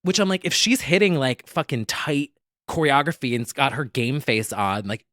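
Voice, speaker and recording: Male co-host, medium pitch, dry sound: excitable, emphatic, sweary, casual chat. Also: normal speed, no room sound. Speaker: podcast co-host. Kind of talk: casual pop culture chat.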